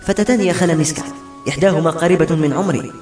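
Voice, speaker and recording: A man reading a novel aloud, voicing an impulsive young woman in a raised, hurried voice. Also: lightly acted. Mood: eager. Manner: high, hurried and excited. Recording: echoey room with music.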